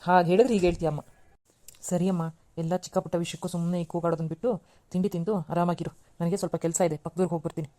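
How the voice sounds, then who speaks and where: Woman playing a young husband pleading calmly. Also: on the low side, quick pace, lightly acted. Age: young adult. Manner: pleading, reasoning gently. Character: young husband and son, calm peacemaker. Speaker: cartoon voice actor. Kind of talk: cartoon serial acting.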